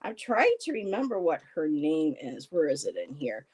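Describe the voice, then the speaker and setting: Her voice sits low and darkish with a breathy edge, swinging widely in pitch at normal speed. In her fifties, she hosts a live stream, chatting casually with a friend, reading viewer comments aloud, rambling and often laughing.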